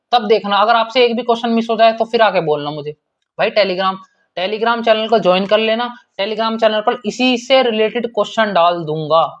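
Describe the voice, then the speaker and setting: A man's voice: high-pitched, lo-fi sound. A man teaching an online exam-prep lesson in a casual, repetitive way, calling students brother and checking in often.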